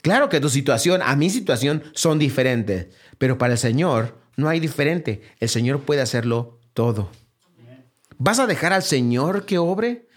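A man preaching a sermon as pastor. He drives his points home with repeated rhetorical questions, dropping low and quiet, then rising to a raised, urgent appeal. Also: animated, moderate pace. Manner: swings between low, quiet phrases and raised, higher exhortation.

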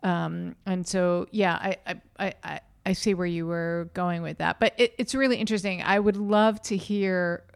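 A woman's voice: fairly low pitch, fairly even intonation, normal speed, gravelly, hardly any pauses, clear, resonant tone. A woman co-hosting a podcast, musing on ideas and steering the conversation in a thoughtful, conversational way. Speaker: podcast co-host. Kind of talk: casual chat.

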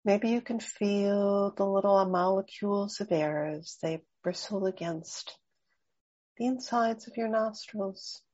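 A woman guiding a slow breathing meditation, speaking softly and soothingly with long pauses. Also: mid-range voice, lo-fi sound. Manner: slow, soft, soothing and unhurried. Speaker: meditation guide.

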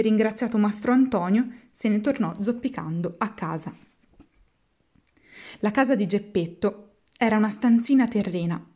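A woman reads a classic storybook aloud. Her voice is mellow and warm in tone, and she keeps a measured pace, leaning into the expressive turns of the tale. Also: mid-range voice. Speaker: narrator. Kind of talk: storybook reading.

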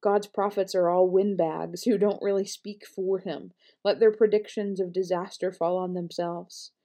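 Mellow-voiced woman reading scripture. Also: on the low side, fairly even intonation. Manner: measured, earnest reading with small slips. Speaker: scripture reader.

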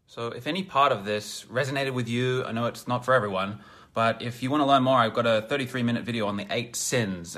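Man, blunt emphatic lecturer, bright voice, long hall reverb. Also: medium pitch. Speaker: self-help teacher. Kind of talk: lecture with sales pitch.

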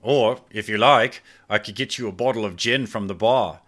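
A man with a slightly low, somewhat bright voice that's close to everyday speech performs an audiobook character. He plays a nervous, sheepish hotel attendant who wheedles and hesitates, at a normal pace.

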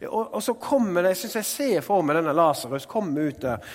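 A man preaching in a fairly high voice, talking to the congregation in a loose, chatty way, then building to loud declarations. His voice carries a long reverb, as in a big hall. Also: expressive. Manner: conversational preaching with filler words, rising to loud proclamations. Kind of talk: sermon.

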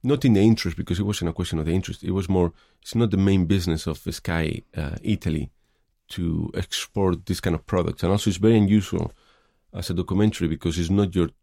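This middle-aged director from Spain replies to interview questions with care, often stalling on fillers in a hesitant way. He has a Spanish accent, a deep, gravelly, mellow voice and fairly even intonation, and the close recording has no room sound.

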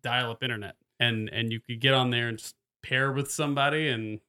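A man's voice: medium pitch, brisk, smooth. A man co-hosting a casual gaming podcast, talking eagerly and often repeating words as he gets going. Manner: enthusiastic, repeats words when excited. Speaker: podcast co-host. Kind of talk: casual chat.

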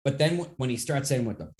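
A man's voice: mid-range voice, animated, fast, a little mellow, husky. A man co-hosting a casual movie discussion, chatty and wry, throwing in jokes and corrections.

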